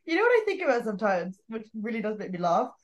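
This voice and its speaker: A woman's voice: a little high, very animated, fast. A woman co-hosting a casual podcast, telling a story with lots of "like" and bursts of laughter. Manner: chatty storytelling, heavy use of "like", frequent laughter. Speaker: podcast co-host. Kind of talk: casual chat.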